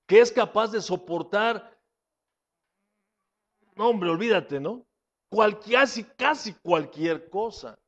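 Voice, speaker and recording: A man preaching a sermon, swinging between loud exclamations and hushed, slow asides. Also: high voice, highs cut off. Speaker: pastor.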